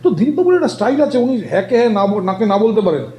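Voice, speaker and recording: A man answering interview questions about politics, halting often and filling gaps with hesitations. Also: high-pitched, expressive, warm tone, echoey room. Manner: halting, many fillers and restarts. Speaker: political guest.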